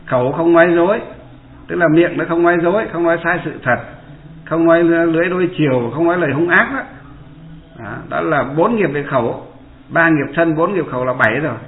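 Male monk, dharma talk, rhetorical questions, fairly high voice, tinny echoey recording. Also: a little fast. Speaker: Buddhist monk. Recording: echoey room over a tinny line.

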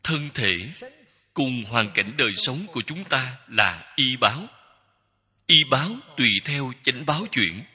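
A man giving a Buddhist dharma talk as a teacher, speaking in slow, measured short phrases that repeat. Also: mid-range voice, animated, sharp tone, slightly rough. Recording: long hall reverb.

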